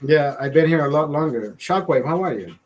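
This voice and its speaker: A man in his forties with a notably high voice chats loosely with his livestream viewers, fairly quick and with lively intonation. He rambles, swears freely, restarts phrases, and sounds a bit tipsy as he sips beer. His motivational pep talks swing loud and emphatic.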